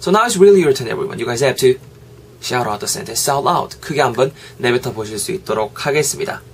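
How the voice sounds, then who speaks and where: A man with a Gyeongsang accent teaching an online English lesson, lively and repeating phrases for drills. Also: medium pitch, unhurried, a little hiss or hum. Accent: Gyeongsang Korean.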